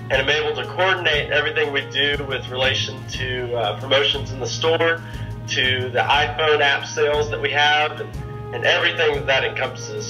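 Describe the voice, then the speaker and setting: A man's voice: mid-range voice, pushed and bright, rough recording. A nineteen-year-old man from Texas with an American accent, casually explaining his work as a social media coordinator. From Texas, United States. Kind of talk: casual self-introduction. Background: faint music.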